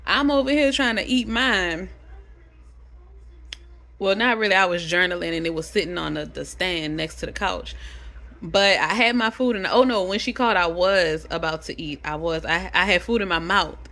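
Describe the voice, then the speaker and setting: A woman's voice: fairly low pitch, moderate pace. Chatty woman telling a story to camera. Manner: animated, chatty, swears freely. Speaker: vlogger.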